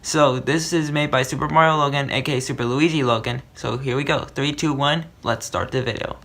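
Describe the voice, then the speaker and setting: A man hosting a reaction video, commenting excitedly and repeating exclamations. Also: medium pitch, fairly quick.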